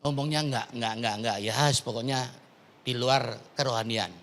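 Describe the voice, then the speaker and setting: A man's voice: medium pitch, brisk, a bit bright, a little hiss or hum. A man preaching a sermon as pastor, calling out to the congregation with rising, emphatic questions. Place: large church hall. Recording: long hall reverb.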